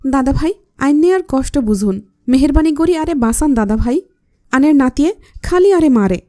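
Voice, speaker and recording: A woman's voice: high voice, expressive, normal speed, warm tone, no room sound, clean studio sound, pitched above the performer's own voice. A woman voicing a playful young bride who speaks in the Chittagonian dialect, cheeky and pleading. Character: playful young bride teasing her husband.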